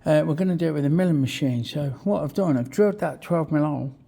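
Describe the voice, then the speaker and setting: A man's voice: on the high side, fast, gravelly, husky. A British man giving a casual hands-on workshop demonstration, swearing freely and talking matily through each step in short bursts. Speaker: vlog host, hobby machinist. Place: small home workshop beside a milling machine. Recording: loud machine and engine noise, clicking. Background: milling machine running, clicks.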